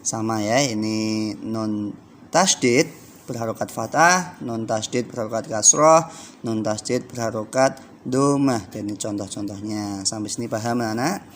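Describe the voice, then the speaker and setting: A man's voice: fairly low pitch, a little hiss or hum. A man with a Javanese Indonesian accent, a primary school teacher giving a recorded lesson, explaining patiently and counting the children into reading aloud together. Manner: slow, patient explaining with drawn-out recitation.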